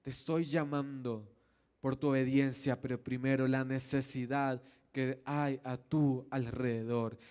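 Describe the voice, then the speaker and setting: A man with a Salvadoran accent voicing God, who speaks low, quiet and solemn. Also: clear, resonant tone, natural voice. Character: God speaking calmly to a reluctant believer.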